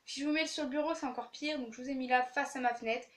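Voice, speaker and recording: A young beauty vlogger with a high, steady voice talks quickly about the beauty products she's used up, chatting casually but stumbling over words because she's tired after a day of classes. She films in her bedroom, facing an open window with street traffic outside, on a handheld camera with no tripod.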